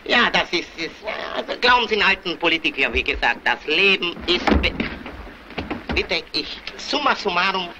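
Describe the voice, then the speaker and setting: A pompous, excitable old bank cashier. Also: male voice, sits high. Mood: lecturing. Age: older. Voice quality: pompous, lecturing, fast and fluttery when agitated. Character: fussy, excitable older male bank cashier. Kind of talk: early sound-film acting. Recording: hissy, muffled 1930s film soundtrack.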